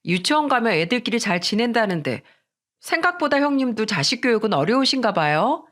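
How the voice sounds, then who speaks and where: A woman's voice: on the high side, very animated, fairly quick, fairly bright tone. A woman reading the part of a blunt, rude young sister-in-law who talks back in a storybook drama. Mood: defiant.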